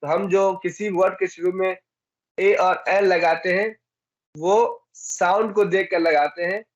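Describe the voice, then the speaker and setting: A man from India teaching an English lesson, who repeats example words slowly and asks and then answers his own questions. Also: sits high, animated, dull audio. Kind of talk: classroom lesson.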